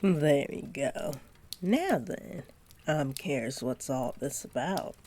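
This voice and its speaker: Voiced by a woman, a young centaur girlfriend dotes on her partner in roleplay audio, her tone tender with a sweet, teasing edge. She speaks slowly in a low, dark voice that is animated and exaggerated, coming across as pleased and shy.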